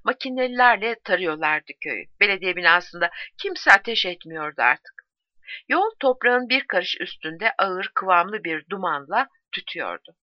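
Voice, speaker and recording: A woman narrates a war story in a grave, measured voice with a mid pitch. The recording is dry with no room sound, and its tone is a little muffled. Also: expressive, no room sound. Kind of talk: audiobook narration. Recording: dry dull audiobook recording.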